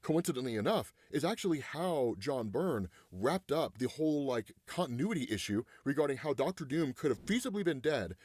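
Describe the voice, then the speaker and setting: A young man hosting a casual comic book commentary, animated and peppering his talk with "right?" and "like". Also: medium pitch, fairly quick, hardly any pauses, husky, dry recording. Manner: animated, uses "right?" and "like" a lot. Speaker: comic book video host.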